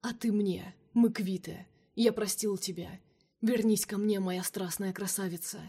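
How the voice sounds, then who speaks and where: A woman's voice: mid-range voice, steady tone, measured pace, slightly rough. A woman doing a velvety vampire king. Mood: seductive. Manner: soft, velvety, coaxing. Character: cunning, seductive captive vampire king, male.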